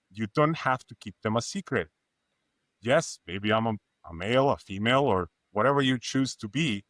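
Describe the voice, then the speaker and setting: A man's voice: medium pitch, fairly bright tone, dry recording. A middle-aged man from Serbia, speaking as a panelist in an earnest, storytelling way with emphatic repetition. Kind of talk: reflective panel talk.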